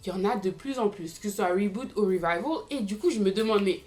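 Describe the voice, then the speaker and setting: In a casual explainer vlog, a woman in her twenties who comments on TV series on YouTube chats with viewers, full of fillers and asides. Her voice is medium-pitched, fast and slightly mellow, over soft background music.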